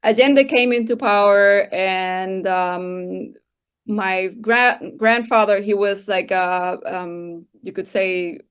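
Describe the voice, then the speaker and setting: A woman in her thirties from Costa Rica, a guest researcher who answers thoughtfully and pauses often to find her words. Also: mid-range voice, steady tone, fairly bright tone, clear, resonant tone. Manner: thoughtful, explaining with frequent hesitations and "like". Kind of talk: conversational interview answers.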